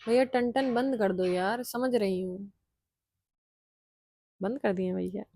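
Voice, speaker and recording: A woman's voice: mid-range voice, slow pace, dark tone, dry recording, studio quality. A young woman casually telling a hostel ghost story, chatty, slipping in English phrases and laughing often.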